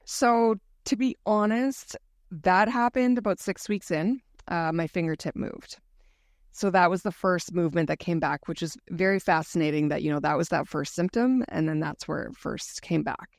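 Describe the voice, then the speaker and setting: A woman's voice: lowish voice, moderate pace. A woman guest tells her story in an earnest, candid way during a conversational interview. Her voice sounds dry and close, with no room echo.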